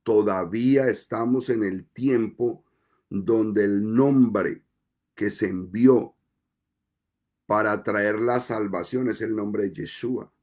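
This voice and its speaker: A male pastor delivers his sermon at an unhurried, deliberate pace. His voice is mellow and dark-toned, and he lets pauses settle between phrases. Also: fairly low pitch. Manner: slow, deliberate preaching with measured pauses.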